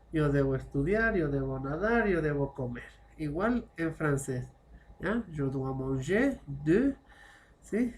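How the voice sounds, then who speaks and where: This low, slightly mellow female voice comes with a little background noise. She's giving an online French lesson, patiently explaining in Spanish sprinkled with French phrases and constantly asking short tag questions to make sure students follow.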